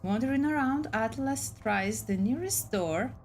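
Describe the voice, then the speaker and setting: A young woman reading a visual novel aloud in an unhurried way, stumbling on words and adding playful asides. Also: fairly high pitch, expressive, faint music behind, rough recording. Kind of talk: casual gameplay narration with character voices.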